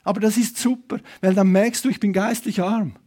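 Male evangelist, high voice, emphatic sermon, direct questions to the crowd, loud appeals and quiet asides. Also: steady tone, brisk, breathy edge. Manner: asks the audience questions directly. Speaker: evangelist preacher. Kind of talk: lively sermon to a congregation.

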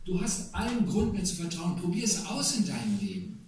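A man's voice: high-pitched, brisk, a little mellow, slight background noise. A man preaching a sermon in a conversational way, with asides to the congregation. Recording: very echoey hall, voice from a distance.

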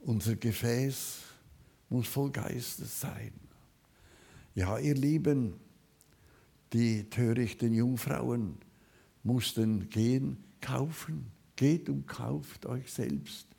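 A man preaching a sermon, fervent, swinging between loud calls and quiet asides. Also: mid-range voice, extremely slow, gravelly, husky.

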